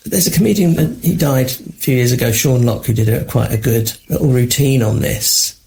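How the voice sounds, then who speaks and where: A man's voice: mid-range voice, moderate pace, creaky, a little mellow, a little hiss or hum. A man with a posh London English accent in casual podcast conversation, thinking aloud with hedges and easy laughter. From England. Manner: thoughtful, hedging, laughs easily. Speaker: podcast co-host.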